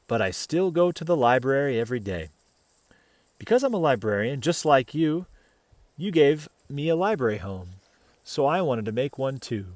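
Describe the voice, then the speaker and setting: In a dry setting with no room sound, a man with a fairly high pitch reads a kids' picture book expressively. He keeps pausing to toss in casual comments and questions for his audience.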